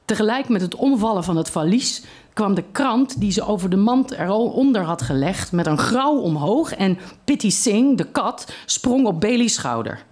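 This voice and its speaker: Calm reader for a live short-story evening, measured delivery. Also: mid-range voice. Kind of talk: reading a short story aloud at a literary evening.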